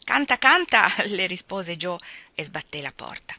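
Bright, expressive woman reading a novel. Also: lowish voice, unhurried, no echo. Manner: lively, expressive storytelling. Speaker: audiobook reader. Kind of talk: reading a classic novel aloud.

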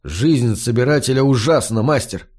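A gruff, guilty young man, read by a male audiobook narrator mutters his words in a low grumble. It sounds close to the reader's own plain voice. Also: lively intonation, normal speed, a little mellow, natural voice. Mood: grumbling.

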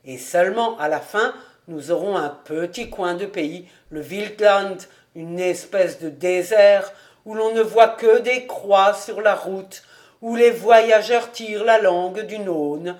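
An amateur audiobook reader voicing a jovial, stout middle-aged male tax collector who exclaims loudly and often. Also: takes it slowly, natural voice. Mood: hearty. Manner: booming, exuberant, exclaiming. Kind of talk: audiobook character reading.

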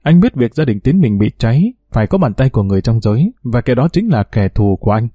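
Male audiobook narrator, even and measured, warm low-bright tone, dry close sound. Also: no echo. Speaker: storyteller.

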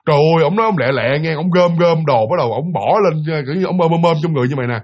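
Husky, fast Southern Vietnamese male storyteller. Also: a little high, a little mellow. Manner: chatty, addresses listeners directly. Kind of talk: spooky storytelling.

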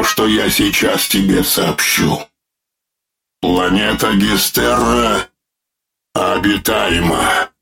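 Give me a man doing a low, gravelly, metallic-droning severed head, slow and pained, with music behind. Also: fairly bright tone, heavily acted. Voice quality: droning metallic voice, lacking naturalness. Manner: slow, pained, coldly mocking. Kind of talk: audiobook character voice.

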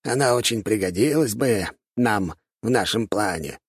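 A man's voice: on the low side, lively intonation, moderate pace, slightly rough, dry recording, clean studio sound, voice pushed up. A man doing a grumbling greedy old elder. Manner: grumbling, envious.

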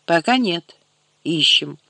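A man voicing a brisk, blunt young tough who talks in curt slang and sounds impatient. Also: fairly high pitch, animated, gravelly, pushed and bright, no room sound, exaggerated voice. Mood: reassuring.

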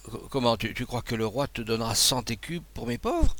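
A male reader as a kindly, excitable abbé; flustered, stammering, lively swings in pitch. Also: brisk, dry recording. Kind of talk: audiobook dialogue.

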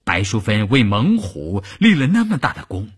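Husky storyteller guy, slow and measured, voice swings all over. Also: lowish voice, huge pitch swings. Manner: measured, dramatic narration. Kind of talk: traditional spoken storytelling.

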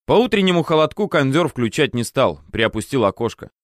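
A man narrating a first-person story in a measured, wry storytelling manner. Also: mid-range voice, sing-song, no room sound, studio quality.

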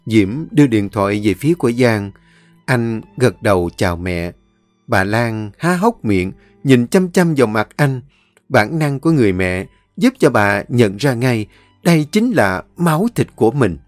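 A man narrating an audiobook story in a steady, earnest way. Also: mid-range voice, measured pace, no echo, faint music behind.

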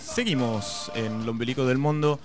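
A man's voice: medium pitch, moderate pace, loud music behind the voice. A man hosting live radio in a casual, conversational and slightly hesitant way. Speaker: radio host.

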